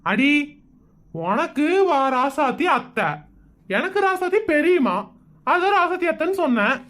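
Woman doing a drunk husband bit, fumbling excuses, highish voice. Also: big pitch swings, a little slow, fairly bright tone, exaggerated voice. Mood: evasive. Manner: fumbling excuses, scolding wife. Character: tipsy bumbling husband, middle-aged man, evasive. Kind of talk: comedy skit acting.

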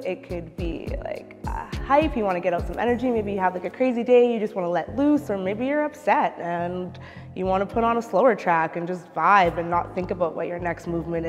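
A woman in her thirties from Canada, chatting casually and upbeat about her life as a dancer in an interview. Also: medium pitch. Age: 30s. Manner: chatty and upbeat, with light laughs and filler "like". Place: dark dance studio, seated on a stool. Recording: long studio reverb with music underneath.

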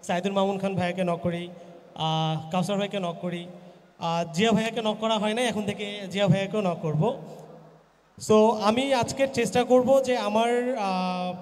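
Man, high voice, panel moderator, casual and hesitant, heavy cathedral echo from the hall PA. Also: a little fast. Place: large event hall, indoors. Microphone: handheld PA microphone. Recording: echoey hall from the PA.

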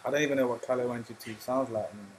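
A man's voice: mid-range voice, steady tone, racing. Man, South London accent, interview guest, laconic, slangy, faint background noise. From England. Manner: laconic, slangy, short replies. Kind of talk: casual interview chat.

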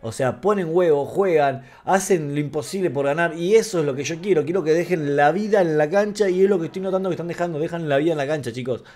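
A man with an Argentine accent giving a live, excitable reaction to a football match, talking straight to the screen. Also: fairly high pitch, quick pace, few pauses. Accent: Argentine Spanish. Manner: excitable, emotional, talks to the screen.

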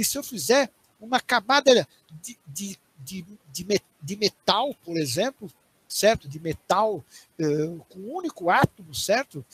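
Older Brazilian academic, high and husky, explaining on a headset call, often checking in with the audience. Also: male voice. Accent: Brazilian Portuguese. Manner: explanatory, tags phrases with "certo?" and "né?", frequent restarts. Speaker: university professor giving a guest lecture. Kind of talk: online lecture answering audience questions. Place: small home study with bookshelves, indoors. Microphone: headset on a video call.

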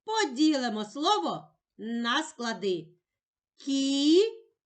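A woman teacher giving a slow, clearly spoken lesson for young children, drawing out the words and sounds she stresses. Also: high voice, very animated, a bit bright. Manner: drawn-out, sing-song emphasis on words and sounds.

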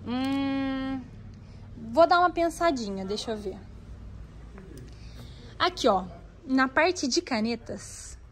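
High-voiced Brazilian woman vlogging while shopping. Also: slow pace, pauses often. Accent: Brazilian Portuguese. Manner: animated, talks to viewers while browsing. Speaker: stationery store vlogger. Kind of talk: chatty shopping vlog. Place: inside a stationery store.

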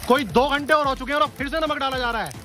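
A man's voice: very high-pitched, fast talker, fairly bright tone, soft background music. A male food vlogger touring an outdoor factory, narrating eagerly to viewers and quizzing the workers. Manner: enthusiastic, addresses viewers as guys, asks workers questions. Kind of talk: on-location factory tour narration and interviewing.

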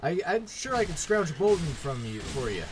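A man's voice: on the high side, big pitch swings, moderate pace, soft background music. Sarcastic, swearing gamer man. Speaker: gaming YouTuber. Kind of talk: let's play commentary.

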